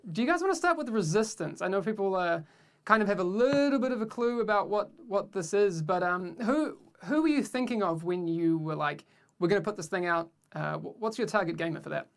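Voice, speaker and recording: A man's voice: high voice, animated, a little fast. A man hosting a game livestream show, upbeat and full of fillers. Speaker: host.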